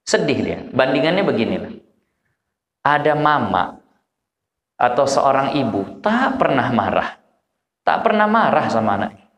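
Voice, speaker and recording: A male preacher with a Medan Malay accent, giving an informal religious lecture at a village gathering, telling stories with lively voices. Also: measured pace, long pauses. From Medan, Indonesia. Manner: animated storyteller, acts out prayers in low voices. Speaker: Islamic preacher. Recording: echoey hall with long reverb.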